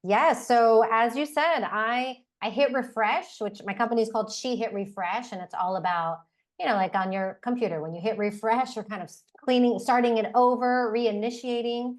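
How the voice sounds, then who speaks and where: A woman's voice: a little high, moderate pace. A woman in her forties from Texas with an American accent, chatting as a podcast guest, peppered with like and you know. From Texas, United States. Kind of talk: casual podcast interview.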